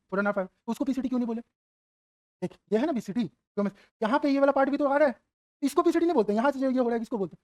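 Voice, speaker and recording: A man's voice: very high voice, dry recording. A man teaching biology, firing off rhetorical questions, checking whether students follow, and playfully voicing their imagined replies. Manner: keeps asking rhetorical questions and checking "got it?". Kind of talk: exam-prep lecture at a whiteboard.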